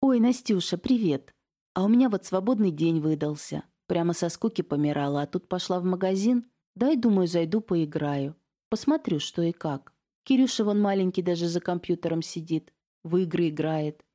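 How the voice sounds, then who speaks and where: A woman voicing a flustered middle-aged aunt who is evasive and frightened, talking in a high, strained voice. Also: normal speed, mellow, close to an everyday voice. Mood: falsely cheerful. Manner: chattering falsely cheerful, then tearful and pleading.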